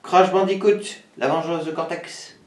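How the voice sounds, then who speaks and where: A man's voice: fairly high pitch, fairly even intonation, a little slow. Chatty Frenchman with southern accent. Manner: chatty, counts aloud, laughs often. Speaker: flea market video host. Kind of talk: casual live unboxing chat. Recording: echoey room, far from mic, noisy.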